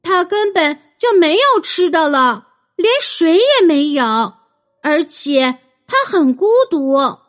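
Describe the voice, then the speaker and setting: A woman's voice: very high voice, animated, normal speed, a bit bright, pitched above the performer's own voice. A woman doing an earnest, pleading little girl. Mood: indignant. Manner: pleading, urgent. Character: caring earnest young girl.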